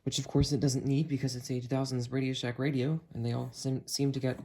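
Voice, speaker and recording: Fast and warm, with medium pitch and little movement in it, the voice belongs to a gadget review host chatting casually while handling the item. The hands-on review comes from a room at home, and the recording is noisy with clicks and handling.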